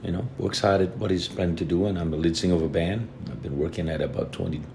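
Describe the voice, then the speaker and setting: Male guest, extremely low voice, earnest and reflective storyteller. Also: fairly even intonation, fast talker, creaky, noisy background. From Fiji. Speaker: guest, lead singer of a reggae band. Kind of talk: casual interview conversation.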